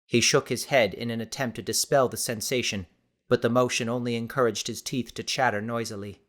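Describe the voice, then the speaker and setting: A male audiobook narrator reading a suspenseful story. His delivery stays steady and measured throughout. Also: medium pitch. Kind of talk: scripted narration.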